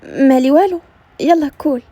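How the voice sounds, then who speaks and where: A woman's voice: high voice, normal speed, mellow, dry recording, lightly acted. A woman with a Moroccan Arabic accent voicing a stubborn, mischievous young bride with a cheeky, defiant way of talking. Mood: subdued.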